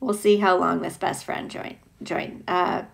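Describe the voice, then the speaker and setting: This teacher shares a picture book with kids, breaking off for playful chat and questions aimed at her young viewers. She speaks unhurriedly in a lowish, steady voice with vocal fry, over a faint hiss or hum.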